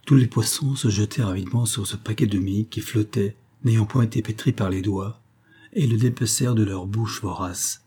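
A man narrating a classic novel as an audiobook in a measured, expressive reading. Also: lowish voice, slightly rough.

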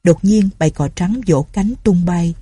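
Warm, husky woman narrator. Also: fairly low pitch, measured pace, no echo. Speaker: storyteller. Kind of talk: audiobook narration.

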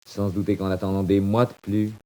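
A man playing Yeux-Verts, a lowish condemned prisoner. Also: level tone, fairly quick, warm tone, lightly acted. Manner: theatrical, swinging from bitter murmurs to cries. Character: condemned male prisoner, proud and despairing. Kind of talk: 1940s radio acting.

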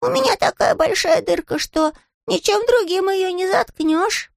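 A woman reading a storybook aloud and voicing a small, earnest male bear cub in a high, childlike voice. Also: expressive, a little slow, creaky, dry recording, studio quality, heavily acted. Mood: proud.

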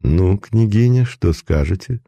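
A man's voice: lowish voice, expressive, measured pace, mellow, dry recording. A man voicing a domineering male occult charlatan who speaks in a commanding, mocking tone in a storybook reading. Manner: commanding, mocking, at times thundering.

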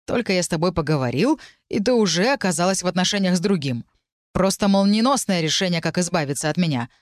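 A hoarse young necromancer speaks in low, strained tones as a woman reads him aloud. He is brooding and tense. The sound is dry and close, with no room around it. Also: animated, quick pace, no room sound, lightly acted. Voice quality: hoarse, low-pitched whisper. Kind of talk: audiobook character reading.

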